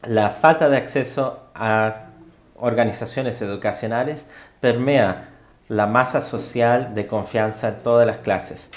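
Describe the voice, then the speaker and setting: Man, lecture interpreter, mid-pitched, hesitant with many fillers, echoey room. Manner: halting, with frequent fillers and self-corrections. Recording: roomy hall sound.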